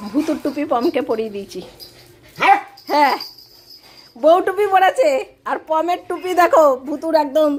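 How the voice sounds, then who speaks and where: A woman at home filming her pet dogs, mixing casual commentary with cooing baby talk to them. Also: high-pitched. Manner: cooing, sing-song talk to pets, mixed with running commentary. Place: at home, indoors. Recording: loud background noise and barking dogs.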